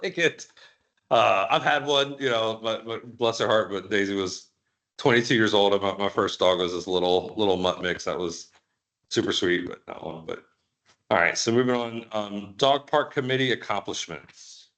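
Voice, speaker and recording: A man's voice: lowish voice, normal speed, a bit bright. A man chairing a committee meeting who talks casually and rambles, restarting his sentences often. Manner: rambling, full of fillers and restarts.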